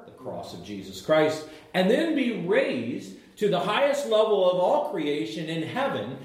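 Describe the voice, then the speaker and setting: A man teaching the Bible, explaining scripture emphatically and restating his points for learners. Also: high voice. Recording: very echoey room.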